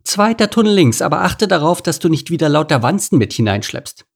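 A man's voice: on the high side, very animated, a little fast, vocal fry, pitched above the performer's own voice, heavily acted. A man voicing an impatient, bossy female meerkat colony boss who snaps out orders.

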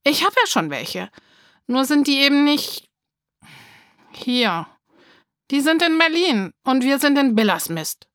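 A woman's voice: medium pitch, animated, unhurried, a bit bright, dry recording, studio quality. A woman voicing a sulky, defiant young girl who talks stubbornly and pouts, in a storybook reading. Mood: defiant sulking. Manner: stubborn, pouting.

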